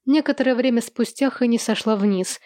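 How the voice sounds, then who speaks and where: Woman, audiobook narrator, steady literary narration, slightly high voice, dry close recording. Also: fairly quick, no room sound.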